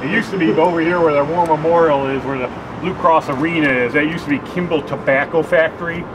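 A man with a slightly high voice guides a walking tour outdoors. He points out buildings and explains their history in an informative way. Heavy street traffic roars behind him on this camera recording. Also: steady tone, quick pace. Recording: loud traffic noise outdoors.

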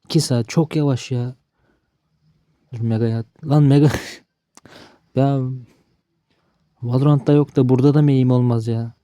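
A man mutters and grumbles as he plays, cursing bad luck in a casual running commentary. His voice is very dark and mellow, recorded dry and close with no room sound. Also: medium pitch, fairly even intonation, moderate pace, long pauses, no room sound. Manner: frustrated, swearing at the game, talking to himself. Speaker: gaming streamer.

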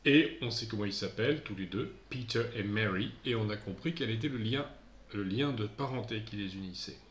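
A man teaching English to pupils in a recorded lesson. He reads English passages slowly and clearly, then explains them in relaxed French, speaking directly to his pupils and often trailing off softly. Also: on the low side, echoey room, lo-fi sound, slight background noise. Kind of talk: recorded video lesson, commented reading.

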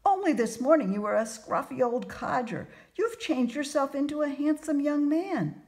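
A woman voicing an excitable, astonished merchant's wife who gushes in exclamations in a storybook reading. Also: a little high, moderate pace, creaky, pitched above the performer's own voice. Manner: gushing, exclaiming.

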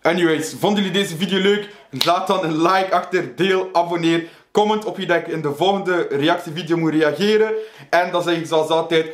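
A man hosting a reaction video, reacting to a rap track with loud, hyped exclamations. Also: fairly high pitch, a little fast, reverberant, a little hiss or hum.

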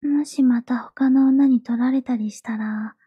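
High, sweet, eerily obsessive yandere girlfriend. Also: steady tone, measured pace, mellow, slightly rough, no echo, lo-fi sound, exaggerated voice. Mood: sweet, menacing. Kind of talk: Japanese audio role-play, intimate ASMR girlfriend drama.

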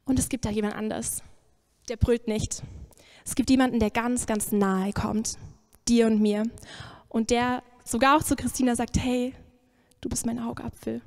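A woman preacher giving a lively sermon, emphatic and swinging between loud and soft. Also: a little high, normal speed.

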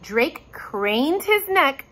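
A woman's voice: sits high, big pitch swings, drawn-out words, fairly bright tone, low-quality recording. A woman teacher reading a chapter book aloud to children, addressing them directly and expressively. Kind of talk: storybook read-aloud.

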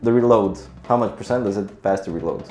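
A man's voice: fairly low pitch, quick pace, darkish tone. A man in his twenties casually hosting a quiz, reading questions aloud. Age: 20s. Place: small bathroom, seated in a chair. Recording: echoey bathroom, music behind.

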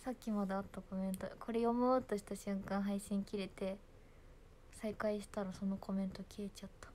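A woman's voice: medium pitch, flat delivery, brisk, warm tone, slight background noise. A young woman, chatting casually and giggling on a phone livestream. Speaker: idol livestreaming to fans.

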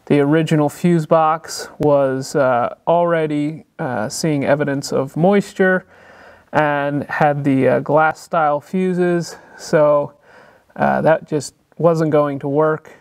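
Speaking slowly in a voice on the high side, a man walks viewers through a vehicle build in an indoor workshop. He's a car builder and channel host, relaxed and full of filler sounds, and the audio comes from the handheld camera he's filming with.

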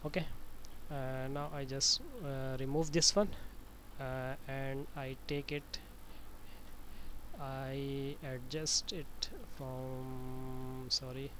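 A man explains software step by step in an informal, halting, repetitive tutorial style. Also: mid-range voice, flat delivery. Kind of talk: informal screen-recorded tutorial. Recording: noisy amateur screencast voice-over.

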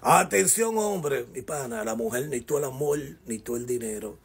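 A man hosting a celebrity gossip show, talking in a loud, mocking, theatrical way and egging on the audience. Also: mid-range voice, lively intonation, moderate pace, creaky, husky.

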